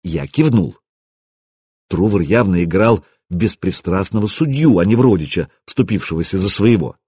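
Audiobook narration: husky male reader, lively intonation, dry close sound. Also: low-pitched, normal speed, dry recording. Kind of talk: first-person audiobook narration.

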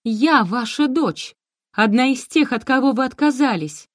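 A woman's voice: high voice, expressive, unhurried, dry recording, studio quality, pitched above the performer's own voice. A woman reading the lines of a hurt, furious young woman confronting her mother, in an audiobook. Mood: agitated. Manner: accusing, raised and agitated.

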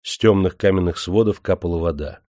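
A man reading an audiobook in a measured, steady style. His voice sits on the low side. The recording is dry and close, with no room sound. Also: no echo. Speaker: audiobook narrator. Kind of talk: scripted narration.

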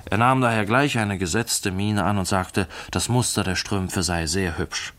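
A man reading a classic novel aloud as narrator, in a measured, clear storytelling manner. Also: low voice, fairly bright tone. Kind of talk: scripted literary reading.

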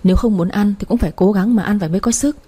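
A woman's voice: medium pitch, rapid-fire, mellow, breathy edge, lightly acted. A woman voicing a caring older mother who scolds her daughter fondly on the phone.

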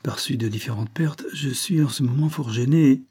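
A man reading aloud, voicing a polite, uneasy Parisian gentleman who speaks with reserve. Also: mid-range voice, normal speed, breathy edge, close to an everyday voice. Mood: reserved.

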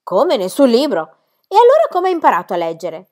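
A woman doing shrill governess Rottenmeier. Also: huge pitch swings, fairly quick, darkish tone. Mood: horrified. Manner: shrill, scolding, indignant. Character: stern strict middle-aged governess.

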